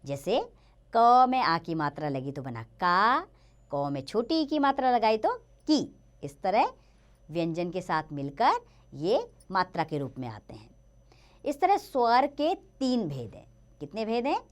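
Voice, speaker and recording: A woman's voice: mid-range voice, very animated, a little slow. A woman teaching a grammar lesson to children, explaining patiently and stretching out the example words.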